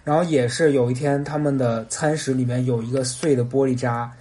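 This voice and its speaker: A man co-hosting a podcast, retelling anecdotes in a relaxed, casual chat and voicing the people in them. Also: medium pitch, fairly quick. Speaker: podcast co-host.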